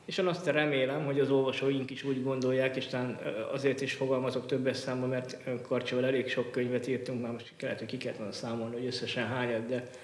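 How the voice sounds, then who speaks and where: A man's voice: medium pitch, little pitch movement, few pauses. Echoey male interview guest, discursive talker. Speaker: guest, football historian and author. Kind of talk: reflective interview talk. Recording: echoey, reverberant room with clear noise.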